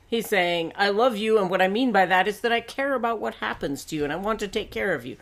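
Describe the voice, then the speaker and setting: A woman co-hosting a podcast in casual chat, quick to tease and share her opinions. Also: medium pitch. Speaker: podcast co-host. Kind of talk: casual chat recapping a dating show.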